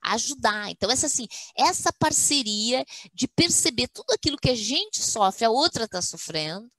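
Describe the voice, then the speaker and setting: A woman university academic, appearing as a guest speaker, tells stories in a webinar conversation and acts out quotes in a firm, motherly voice. Her voice is fairly high and fairly bright, with big pitch swings and a moderate pace, and there is no room sound.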